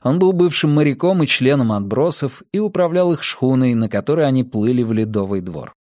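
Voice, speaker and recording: A man reading a novel aloud as an audiobook narrator in a measured, even way. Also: medium pitch, no echo, studio quality. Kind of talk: scripted narration.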